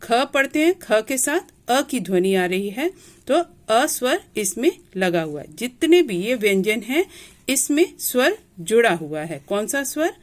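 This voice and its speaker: A woman with a higher voice teaches a grammar lesson at an unhurried pace. Her pitch moves a lot as she repeats each point patiently and sounds out each letter. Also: very animated. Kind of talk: classroom lesson explaining letters.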